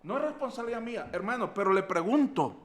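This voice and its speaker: A Mexican pastor with a strikingly high voice preaches to his congregation. He swings between loud, pressing exhortation and hushed storytelling, his words ringing through an echoey church hall. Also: lively intonation, quick pace. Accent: Mexican Spanish. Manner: emphatic, rising to loud exhortation then dropping to quiet storytelling. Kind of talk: sermon. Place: church sanctuary.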